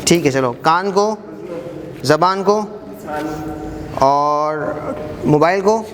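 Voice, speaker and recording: A man teaching an Arabic class, briskly quizzing students and encouraging them not to be shy. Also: on the high side, a crowd in the background. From Pakistan. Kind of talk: classroom quiz lesson. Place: mosque hall. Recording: echoey hall with background noise.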